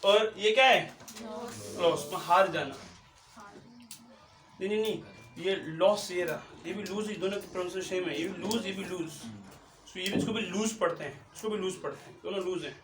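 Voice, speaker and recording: High, bright-voiced male teacher in echoey classroom. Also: normal speed, long pauses, faint music behind. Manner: mixes English phrases into explanations, repeats questions to the class. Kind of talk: classroom physics lesson. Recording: echoey classroom, mic far off. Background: students' voices.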